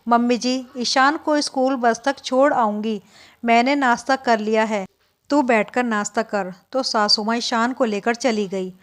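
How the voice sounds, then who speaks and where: Brief: female storyteller, slightly high voice, scripted narration, voices each character without changing her own voice. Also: fairly even intonation, unhurried. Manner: reads every role in her own voice.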